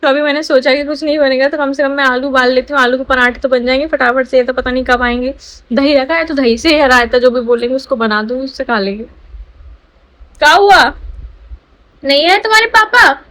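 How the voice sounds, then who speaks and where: A woman's voice: sits high, steady tone, quick pace, fairly bright tone. A young woman, a new mother, chatting casually at home in a vlog, confiding and chatty. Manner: chatty, confiding, baby talk.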